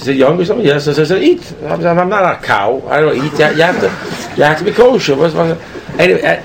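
A man telling a personal story in a casual, animated way, with many restarts and switches between languages. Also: fairly high pitch, creaky, a little hiss or hum.

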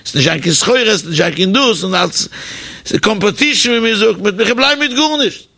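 High, gravelly man telling a religious story. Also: normal speed. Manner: animated storytelling, changing pitch for the people in the story; hesitant, with repeated words and fillers.

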